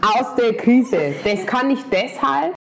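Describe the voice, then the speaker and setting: A woman's voice: on the high side, animated, slow pace, voice pushed up, full character voice. A woman parodying a self-assured Bavarian politician, emphatic and pompous, with a Bavarian accent. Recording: clearly noisy location recording.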